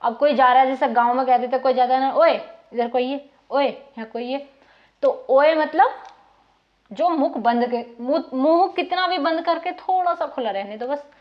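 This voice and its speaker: A woman teacher giving a slow, dictation-style lesson, repeating each word for note-taking and asking her pupils questions. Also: high-pitched. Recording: muffled lo-fi recording.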